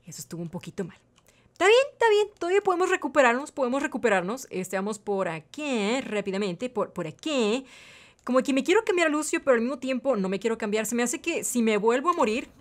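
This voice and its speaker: A young woman talks through a match as a gaming channel host. Her voice sits somewhat high, and her commentary is chatty and excitable, peppered with English slang. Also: fast talker. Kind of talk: let's-play commentary.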